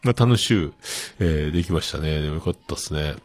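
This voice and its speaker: A man's voice: extremely low pitch, fast talker, dry recording. A middle-aged man hosting a show, rambling casually with many fillers and chuckling at himself. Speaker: show host. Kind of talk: casual solo talk.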